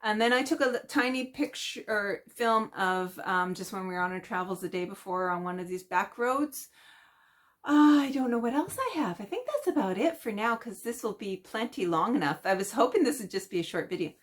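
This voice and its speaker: A woman's voice: mid-range voice, expressive, a little fast. A middle-aged Canadian woman chatting casually in a stitching vlog, meandering with many fillers and restarts. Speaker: cross-stitch vlogger. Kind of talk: casual rambling chat.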